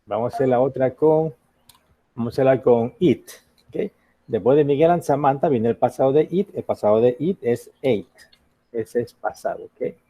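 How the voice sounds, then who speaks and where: A man's voice: medium pitch, normal speed, dark tone, no room sound, low-quality recording. A man teaching an English grammar lesson in Spanish, patiently asking the class questions and checking in with "ok?".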